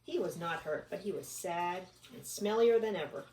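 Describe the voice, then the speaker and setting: A fairly low, darkish female voice at normal speed reads a children's story aloud with expression, pausing between passages to chat casually with a child at home. Background noise, room echo and a distant mic mark the recording.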